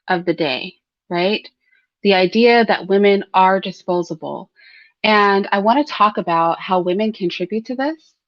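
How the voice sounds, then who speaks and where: Woman, mid-range pitch, informal solo commentary, direct address, rhetorical tag questions, slightly dull lo-fi audio. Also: dry recording. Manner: frequent throat clearing. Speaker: host of a commentary livestream. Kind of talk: conversational solo opinion commentary. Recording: dull, slightly lo-fi close dry sound.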